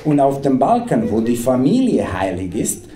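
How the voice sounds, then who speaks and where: The author, a Serbian man in his thirties, reads comic material from his book into a stand mic on a small stage, teasing and wry. His mid-range voice has huge pitch swings at normal speed, and the crowd is loud, laughing in the roomy club.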